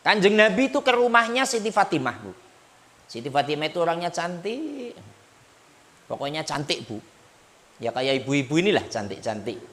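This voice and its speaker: A man preaching to a gathering of women in a light, joking way. He keeps turning to his listeners with questions and banter. His voice sits high and sounds bright and forceful. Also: very animated, moderate pace, pauses often. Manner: joking, chatty, addresses listeners directly. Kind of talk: humorous sermon to a women's gathering.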